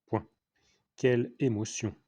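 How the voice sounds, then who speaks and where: A man's voice: medium pitch, fairly even intonation, takes it slowly, dark tone, husky, no echo. A man with a French accent reading a dictation to schoolchildren, repeating each phrase and saying the punctuation aloud. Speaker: teacher giving a dictation.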